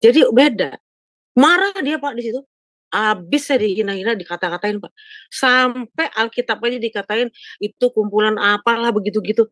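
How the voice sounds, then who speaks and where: Talking a little fast in a slightly high, somewhat bright voice, an older woman chats to a pastor, sharing a personal story. She keeps turning to him for agreement with "Pak, ya". The sound is dry, with studio quality.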